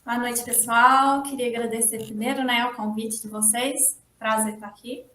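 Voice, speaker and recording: A young woman from Minas Gerais, an electrical engineer, chatting relaxed as an interview guest. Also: on the high side, moderate pace. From Formiga, Minas Gerais, Brazil. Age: young adult. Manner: relaxed, chatty, with small restarts and laughs. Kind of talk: casual interview talk. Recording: echoey room, distant mic, faint noise.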